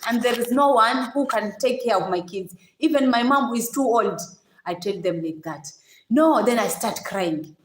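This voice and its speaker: Casual livestream vlogger, woman with a slightly high voice who stops, repeats herself and laughs between phrases, in an echoey room. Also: expressive, slight background noise. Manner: halting, repeats words, laughs often.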